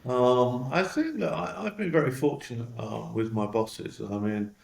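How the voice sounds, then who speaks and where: A CEO from London, England, muses candidly through an interview, often saying "um" and "you know." His mid-range voice is gravelly and darkish, unhurried, with lively intonation.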